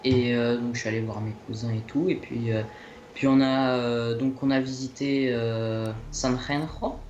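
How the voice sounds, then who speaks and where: A man's voice: mid-range voice, level tone, normal speed, a little mellow, highs cut off. Rambling young man, echoey room. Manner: hesitant, many fillers and restarts. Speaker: guest telling about his holiday. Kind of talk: rambling casual chat. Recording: echoey room, faint noise.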